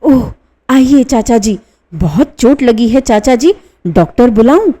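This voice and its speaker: A woman's voice: a little high, lively intonation, measured pace, mellow. A woman voicing a helpful, chatty young nephew in a one-reader radio play. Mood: eager.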